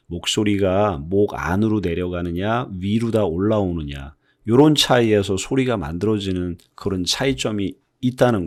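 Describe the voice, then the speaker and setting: A man's voice: on the low side, a little mellow. A man whose first language is Korean, teaching English phonics in a video lesson, patiently explaining and repeating example words to demonstrate the vowel sounds.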